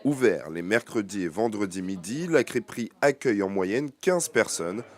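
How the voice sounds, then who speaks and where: Low-voiced French news narrator. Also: male voice, animated, moderate pace. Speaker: news presenter and reporter.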